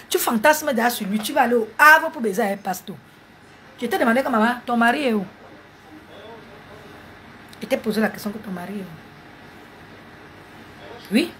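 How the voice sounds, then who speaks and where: A woman's voice: on the high side, a bit bright, a little hiss or hum. A woman, mocking and scolding viewers in a heated live stream on her phone. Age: 40s.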